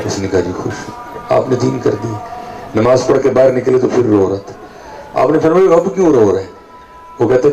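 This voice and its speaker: A man's voice: creaky, lo-fi sound. A man delivering a devotional sermon to a gathering, telling stories, and checking in with the listeners as he goes. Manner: storytelling, rising pitch for emphasis, frequent "theek hai ji" checks. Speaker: preacher. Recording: crowd heard behind voice. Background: audience at a night gathering.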